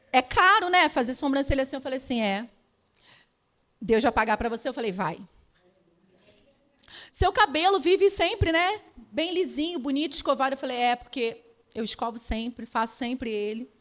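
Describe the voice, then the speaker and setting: A woman preaching a sermon, telling a personal testimony and acting out conversations before building to loud emphatic proclamation. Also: high-pitched.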